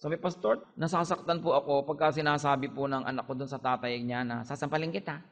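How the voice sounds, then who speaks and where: A man with a Filipino accent, a pastor giving an animated sermon that mixes Tagalog and English. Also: fairly high pitch, fast, dull audio. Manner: animated preaching, switching between Tagalog and English. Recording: long hall reverb.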